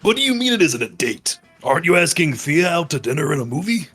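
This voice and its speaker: A man voicing a loud, nosy male sports coach who shouts his teasing questions from away from the mic. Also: a little high, sing-song, quick pace, breathy edge, faint music behind, full character voice.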